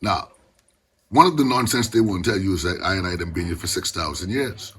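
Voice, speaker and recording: A man's voice: low-pitched, expressive, a little fast, a bit bright, a little hiss or hum. An older man from the Bahamas with a Caribbean accent, reasoning informally and with passion in Rasta speech with patois phrasing. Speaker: Rastafarian elder.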